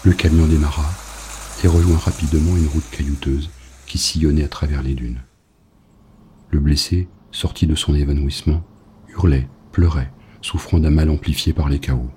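A man reading a novel aloud as an audiobook narrator, in a grave, measured way. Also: extremely low pitch, steady tone, warm tone, a little hiss or hum.

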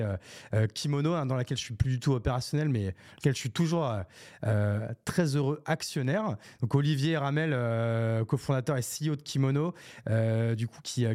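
A man's voice: medium pitch, a little mellow. Rambling French podcast man. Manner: rambling, many fillers and restarts; casual, mixes English business slang. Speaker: podcast host. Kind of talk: solo unscripted podcast talk. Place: Bordeaux, France. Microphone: podcast microphone.

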